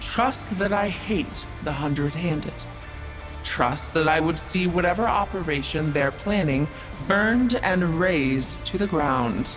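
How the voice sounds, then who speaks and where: Prominent music backs this audio drama scene, where a woman plays a proud and cunning female stranger from another world. She speaks formally and deliberately, with dry sarcasm, in a low-sitting voice captured on poor audio.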